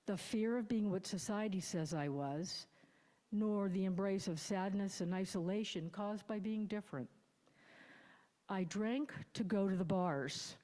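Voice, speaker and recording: Her voice medium in pitch and dark in tone, a woman near sixty offers a sermon testimony about her own recovery, open, reflective, and wry. The church sanctuary gives it a long, hall-like reverb.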